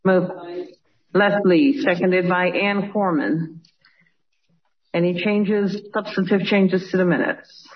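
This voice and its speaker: Brisk meeting chair, dull audio. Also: mid-range voice, fairly even intonation, a little hiss or hum. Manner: brisk, procedural.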